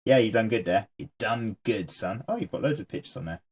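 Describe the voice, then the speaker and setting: Reading viewer comments aloud between jokes, a man sketches on his channel in casual conversation. He sounds low, darkish, and lively, speaking fairly quickly against slight background noise.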